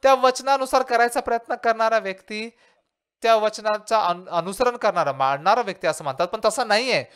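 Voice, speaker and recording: A man's voice: sits high, brisk, fairly bright tone, smooth. A male pastor preaching a sermon and asking his listeners rhetorical questions.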